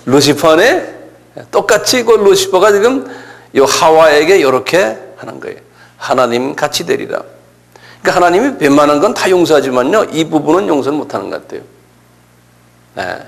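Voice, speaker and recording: Gravelly-voiced man preaching. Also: on the high side, big pitch swings, brisk. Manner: conversational preaching with rhetorical questions. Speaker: pastor. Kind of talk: sermon lecture.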